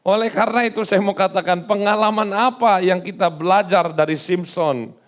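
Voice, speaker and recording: A male pastor preaching a sermon with an Indonesian accent, telling a story with lively acted-out dialogue and jokes for the congregation. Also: sits high, moderate pace.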